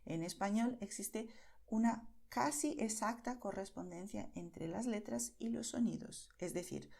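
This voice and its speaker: A woman teaching Spanish to beginners, slow and clear, spelling letters out and often checking in to see if the listener follows. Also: mid-range voice, mellow.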